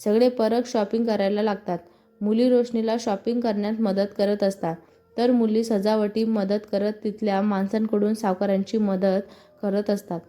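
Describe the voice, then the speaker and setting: A woman with a Marathi accent reading a scripted story aloud, voicing all the characters' lines in her own even narrating voice. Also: mid-range voice, moderate pace. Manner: reads all parts in one even narrating voice.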